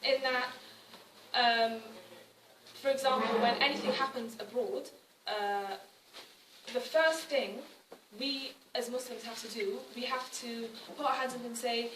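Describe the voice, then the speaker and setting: A woman's voice: on the high side, steady tone, a little slow, noisy background. A young British woman from Wales giving a public talk, conversational and wry, with frequent restarts. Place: arts centre hall. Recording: echoey hall from far off.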